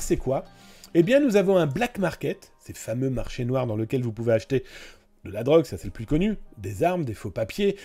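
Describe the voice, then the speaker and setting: A man's voice: fairly high pitch, gravelly, mellow, husky. A man hosting a live-stream cybersecurity news show, chatting casually and talking straight to his viewers. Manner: chatty, addresses viewers directly, many fillers and asides.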